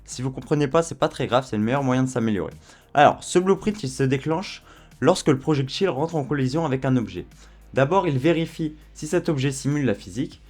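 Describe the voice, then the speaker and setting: Chatty man narrating a software tutorial. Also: mid-range voice, a little fast, faint music behind. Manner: relaxed, chatty, with fillers like euh and hein. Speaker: tutorial host. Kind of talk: screen-recorded software tutorial.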